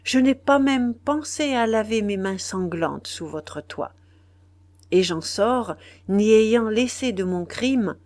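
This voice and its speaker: A woman reading a storybook voices a cold, disdainful male stranger who speaks slowly, calmly and melodiously. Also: medium pitch, no room sound. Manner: singularly calm and melodious, slow.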